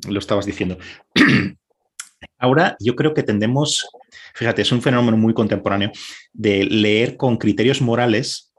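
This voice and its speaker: A man's voice: fairly low pitch, moderate pace. A man interviewing a guest, thoughtful and searching for words as he speaks. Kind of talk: conversational interview.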